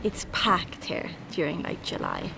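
A woman's voice: low-pitched, measured pace, creaky, noisy background. A young woman with a Swedish accent, chatting casually about sailing for her vlog. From Sweden. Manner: relaxed, chatty, many fillers. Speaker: sailing vlogger. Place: sailboat cockpit and dockside outdoors.

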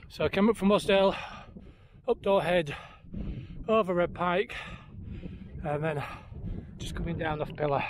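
A man's voice: high-pitched, a little slow, pauses often. A middle-aged man talking casually to a handheld camera while jogging on an open mountainside, giving running commentary. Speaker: running vlogger. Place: outdoors on a windy open mountainside. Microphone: handheld camera at arm's length. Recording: loud wind and outdoor noise.

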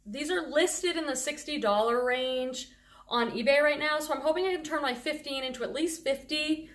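In this casual haul vlog, a middle-aged reseller from the Boston area, USA, gushes about the clothes she found thrifting. A faint Boston accent colors a handful of her words. She speaks at a normal speed in a high-sitting, fairly bright voice.

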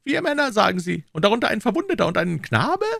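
This is an excitable, proud king from a storybook reading, speaking in a shrill, strained high voice that leaps about as he gives his orders. The sound is dry and close, with no room around it. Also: fast, creaky, no room sound, exaggerated voice. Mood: excited. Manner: high, shrill, eager and imperious.

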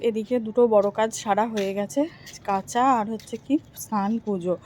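A middle-aged woman vlogger chatting casually and softly about her day at home. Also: medium pitch, fairly even intonation, fairly quick, slight background noise. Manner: chatty, homely, soft-spoken. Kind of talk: casual vlog chat.

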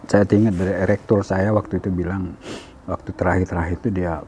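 A man's voice: deep voice, level tone, brisk, warm tone, slight background noise. A man in his seventies from Palembang, reminiscing as an interview guest and often acting out old conversations. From Palembang, Indonesia.

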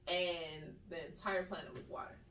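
A woman's voice: on the low side, steady tone, moderate pace, fairly bright tone, dull audio, slight background noise. A woman co-hosting a casual podcast, telling a long story with lots of "like" and acting out the quoted voices. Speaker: podcast co-host. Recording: echoey room, mic at a distance.

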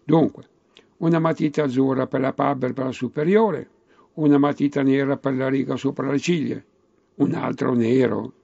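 Man as courteous saleswoman, dialect comedy, relentless list-like pitch, creaky voice, dry recording. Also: steady tone, normal speed, mellow, no room sound, highs cut off. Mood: insistent, courteous. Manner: polite, recites product lists like a sales pitch. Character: tall blonde saleswoman, polite, sweet-voiced, relentless product lister. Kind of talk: comic storytelling, acted dialogue.

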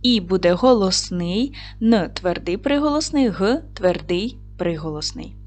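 A woman primary school teacher with a Ukrainian accent, giving a recorded video lesson to children in a clear, patient, instructive way. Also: medium pitch, animated, normal speed, darkish tone, faint music behind.

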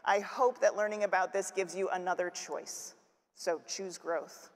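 A woman's voice: medium pitch, steady tone, measured pace, heavy background noise. Woman, keynote speaker, chatty delivery with restarts, echoing conference hall. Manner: conversational, with fillers and restarts. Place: large conference hall stage. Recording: hall reverb.

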